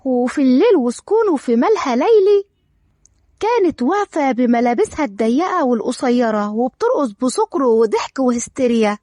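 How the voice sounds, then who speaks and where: High-voiced Egyptian woman storyteller. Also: big pitch swings, a little fast, mellow, no echo, studio quality. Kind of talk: storybook narration.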